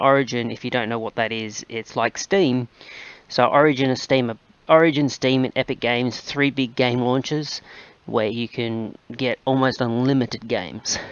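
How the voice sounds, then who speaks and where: A man's voice: mid-range voice, dull audio. A man hosting a gaming channel, chatting casually and rambling with plenty of fillers as he plays. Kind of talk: casual gameplay commentary.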